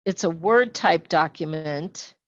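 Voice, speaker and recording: In this screen-share webinar, a female trainer patiently explains software steps, taking her time and pausing often with minor fillers. The recording is dry, and her rather low voice sounds slightly dull, much like typical webinar audio.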